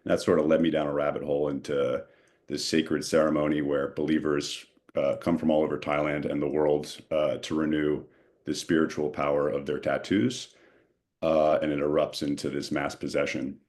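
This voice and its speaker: A man's voice: a bass voice, flat delivery, moderate pace, a little mellow. A man, a film director, answering at a Q&A in a thoughtful way, searching for words now and then. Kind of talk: Q&A panel answer.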